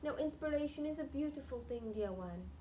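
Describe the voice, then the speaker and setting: A woman with a fairly high voice speaks as a trance-channelling medium. Her delivery is solemn and oracular, with the formal phrasing of a spirit addressing sitters at a seance. Clear background noise runs through the live recording. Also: animated, fairly quick, warm tone. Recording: noisy live group recording.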